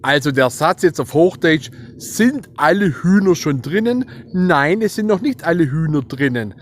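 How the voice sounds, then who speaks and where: A man's voice: fairly high pitch, lively intonation, normal speed, a little hiss or hum. A man with a Swabian accent giving a playful, explanatory dialect lesson, speaking directly to his viewers. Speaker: dialect teacher. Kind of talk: scripted language lesson to viewers.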